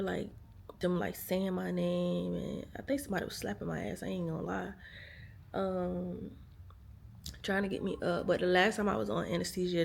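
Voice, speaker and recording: An American vlogger, clearly tired, tells casual stories to the camera from her hospital room, chatting with lots of fillers and calling her viewers "y'all." Her voice is on the low side, creaky and darkish, against slight background noise.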